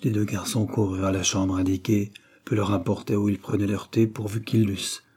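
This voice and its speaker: Homme au timbre chaud et voilé lisant un roman. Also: male voice, on the low side, little pitch movement, a little fast, a little mellow, breathy edge. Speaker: audiobook reader. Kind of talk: read narration of a classic novel.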